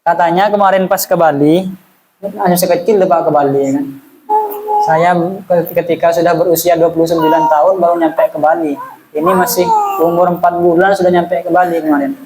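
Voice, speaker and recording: A man's voice: on the high side, level tone, fairly quick, darkish tone, a little hiss or hum, poor audio. A man, teaching an Islamic study class in a chatty way and asking the audience questions. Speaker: religious teacher. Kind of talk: casual Islamic study lesson.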